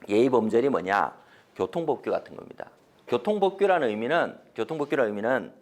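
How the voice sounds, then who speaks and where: Animated male lecturer, lively pitch. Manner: animated storytelling, swings from loud to soft, acts out quotes; mixes polite and blunt casual speech, asks the audience questions. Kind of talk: corporate training lecture.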